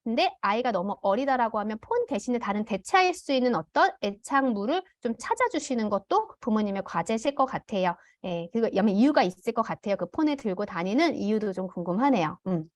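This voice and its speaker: A woman teaching an online parenting class, calmly explaining and acting out what parents can say to children. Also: fairly high pitch, brisk, hardly any pauses, dry recording. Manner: demonstrates parent phrases aloud. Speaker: parenting educator. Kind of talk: online parent education lecture.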